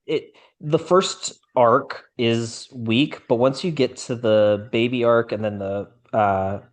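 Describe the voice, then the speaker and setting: A man's voice: medium pitch, slow pace. Easygoing man agreeing in casual chat. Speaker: podcast co-host. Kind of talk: casual chat about anime.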